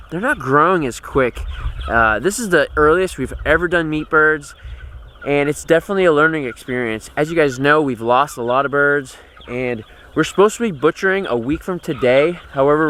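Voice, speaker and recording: A man's voice: a little high, a bit bright, slight background noise. An American man in his thirties giving an earnest, conversational walk-and-talk vlog update outdoors on a farm. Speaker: homesteading vlogger.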